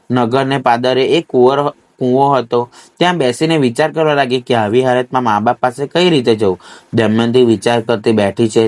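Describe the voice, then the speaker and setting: A man recites a devotional folk tale in a steady, measured storytelling voice. His pitch sits in the middle range, and he lifts it when he voices the characters' lines.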